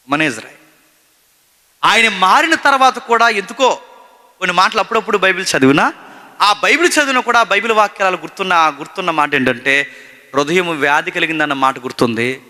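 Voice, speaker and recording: A man preaching a sermon as pastor, emphatic and full of rhetorical questions, dropping to hushed tones and rising again. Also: high-pitched, big-room sound.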